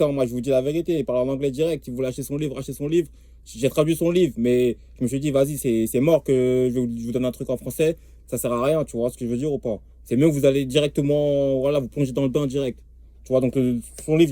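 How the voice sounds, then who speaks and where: Young male vlogger, mellow low-bright tone, streetwise and emphatic, keeps checking in with the listener. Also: no room sound, studio quality. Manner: streetwise, repetitive, emphatic, keeps asking "tu vois". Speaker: language-learning vlogger. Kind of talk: casual slangy talk to camera.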